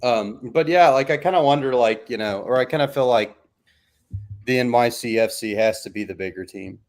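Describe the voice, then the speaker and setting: A man co-hosting a wrestling podcast in casual chat, halting and rambling with frequent restarts. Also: medium pitch. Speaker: podcast co-host.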